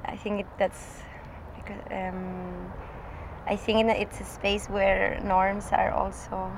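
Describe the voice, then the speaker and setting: A woman's voice: mid-range voice, level tone, slow, creaky, noisy background. A woman from Spain with a Spanish accent, a performance artist rambling through an interview with frequent restarts and laughs. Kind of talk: casual interview chat.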